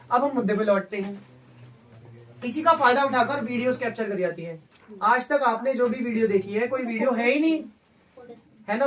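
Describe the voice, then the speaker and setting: Man teacher, lively classroom lecture, voice a bit far from the mic. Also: very high voice. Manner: lively, keeps checking if students understand; mixes Hindi with English terms, jokes with class.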